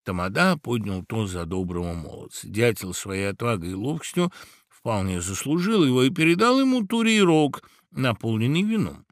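A man narrating a fairy tale with expressive, animated storytelling. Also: mid-range voice, normal speed, dry recording, studio quality.

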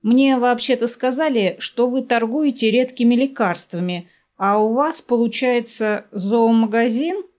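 Peevish young woman customer, read by a woman narrator, squeamish, slow. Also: on the high side, darkish tone, voice pushed up, lightly acted. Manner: peevish, exclaiming.

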